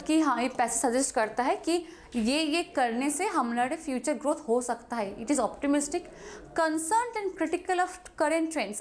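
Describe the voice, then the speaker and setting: A young woman teaching an exam prep lesson, reading questions slowly and then explaining them in quick, chatty speech. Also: sits high. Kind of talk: exam prep lesson, Hindi mixed with English.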